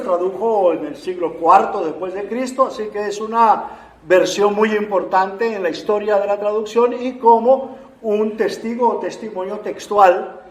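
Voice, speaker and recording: Male lecturer, fairly high voice, patient explanatory delivery, echoey room. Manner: unhurried, explanatory, with frequent "eh" fillers. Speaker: Bible translation lecturer. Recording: roomy echo.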